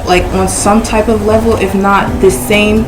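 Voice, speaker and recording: A teenage girl, student host, talking casually and haltingly. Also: medium pitch, flat delivery, over loud music. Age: teens. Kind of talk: casual panel talk.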